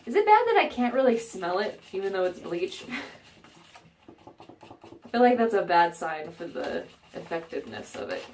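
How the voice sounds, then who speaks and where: A woman chats through a casual how-to vlog from her home bathroom, rambling along with lots of fillers and self-mocking jokes while sounding a bit stuffed up. Her medium-pitched, darkish voice swings widely in pitch at a moderate pace, broken by long pauses. There's a slight noise in the background.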